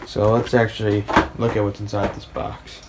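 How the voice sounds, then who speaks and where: A man hosting a casual tech video, thinking aloud as he unpacks old software and gets an old computer ready. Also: fairly low pitch, flat delivery, moderate pace. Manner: rambling, hesitant, thinking aloud. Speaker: tech hobbyist host. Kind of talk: casual commentary while unboxing and building a PC. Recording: noisy home recording.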